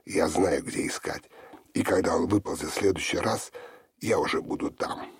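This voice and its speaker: A man's voice: low-pitched, normal speed, slightly rough, no echo, studio quality. A man voicing a pushy, confident male investigator who talks in an insistent, lecturing way. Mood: self-assured. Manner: insistent, self-assured, lecturing.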